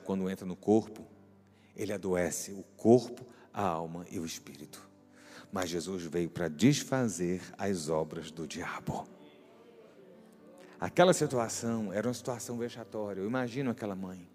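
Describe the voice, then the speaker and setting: A man's voice: lowish voice, darkish tone. Emphatic male pastor preaching. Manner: emphatic, rhetorical, quick tag questions. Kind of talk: sermon. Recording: echoey hall with music.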